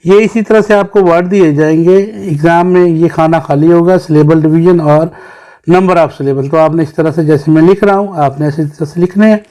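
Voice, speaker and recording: A man's voice: a little high, fairly even intonation, normal speed, dark tone. A man teaching children English, patiently sounding out words syllable by syllable. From Pakistan. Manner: mixes English terms into Hindi-Urdu explanation. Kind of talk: recorded English lesson for children.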